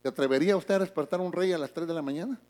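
A middle-aged man, a pastor, preaching a sermon in a church, moving from booming emphasis to hushed asides. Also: very fast.

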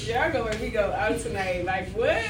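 A woman's voice: a little high, expressive, echoey room, recorded from a distance, very noisy. A woman co-hosting a podcast, chiming in with short, laughing remarks. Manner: laughing, quick interjections. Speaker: podcast co-host. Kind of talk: casual chat.

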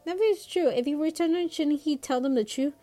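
A fretful storybook mother pleads with her husband across the dinner table, as a woman reads her aloud. Her voice rides a bit higher than the narration. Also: normal speed, warm tone, lightly acted. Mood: pleading.

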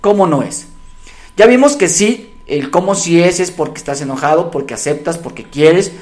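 A man's voice: on the high side, normal speed, darkish tone. A middle-aged man, co-hosting a casual talk show and acting out his own inner thoughts as he reflects. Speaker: podcast co-host. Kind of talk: casual chat.

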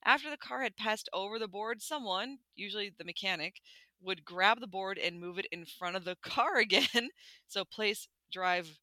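A woman's voice: medium pitch, moderate pace, bright, forceful tone, dry recording. A woman co-hosting a casual history podcast, reading notes in a chatty, playful way full of "like" fillers. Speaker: podcast co-host.

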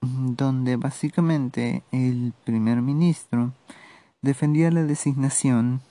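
A man with a very dark, mellow voice and a Peruvian accent delivers a solo commentary as a podcast host. He speaks slowly, in a measured and sardonic manner, often pausing as he goes. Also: medium pitch, no room sound. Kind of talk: solo political commentary monologue.

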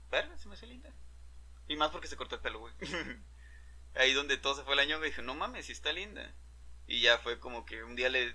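A young man with a Mexican accent tells a personal story in a loose, profane chat. His voice sits a little high and sounds strikingly bright and sharp. He tags nearly every phrase with a slang filler. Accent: Mexican Spanish.

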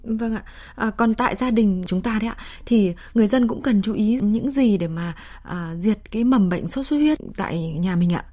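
Woman radio host, mellow mid voice, formal health show presenting. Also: mid-range voice, normal speed, hardly any pauses. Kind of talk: formal presenting with interview questions.

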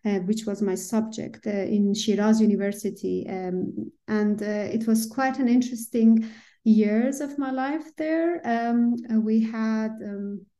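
A woman from Iran talks through her background as a podcast guest. Her voice sits a little high but sounds mellow and warm. She hesitates often, fills gaps with "um" and "uh", and laughs lightly. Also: steady tone, a little slow. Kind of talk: conversational interview.

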